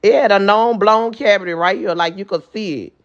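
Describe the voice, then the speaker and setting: A man's voice: sits high, fairly quick, muffled recording. A man with a lisp from a missing front tooth, bantering casually and brashly with lots of swearing. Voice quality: lisping, slurred speech from a missing front tooth. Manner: brash, loud, theatrical trash talk with heavy swearing. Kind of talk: casual joking chat.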